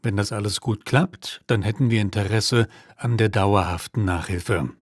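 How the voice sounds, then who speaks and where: In a scripted language-lesson dialogue, a man plays a polite father making a courteous, businesslike enquiry about tutoring for his daughter. His natural, lowish voice moves at a moderate pace, recorded at studio quality with no echo.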